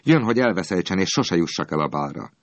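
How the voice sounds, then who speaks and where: A man voicing the Old Year as a frail, frozen old man in a storybook, groaning weakly and slowly. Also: low-pitched, big pitch swings, dry recording, lo-fi sound. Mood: fearful.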